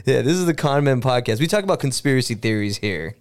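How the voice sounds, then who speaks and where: A man's voice: mid-range voice, animated, fairly quick. A man in his thirties hosting a podcast, chatting in a rambling way and laughing often. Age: 30s. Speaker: podcast host. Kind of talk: casual chat.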